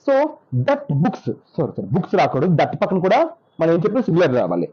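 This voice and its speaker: A teacher explaining grammar notes, who repeats points, corrects their own slips and reads the example sentences slowly. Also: mid-range voice, wildly swooping pitch, slightly rough. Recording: dull lo-fi recording.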